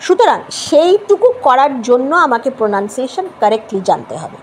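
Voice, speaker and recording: A woman with a Bengali accent teaching English, explaining step by step and slowing down carefully for each English example. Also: sits high, sing-song, a little hiss or hum, rough recording. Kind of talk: spoken language lesson.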